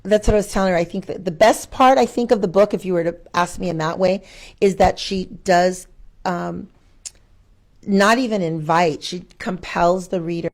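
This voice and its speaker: In a fairly low voice at normal speed, a woman who teaches school answers interview questions as a guest. Her tone is conversational, reflective and expressive, and she quotes her thoughts and uses rhetorical questions.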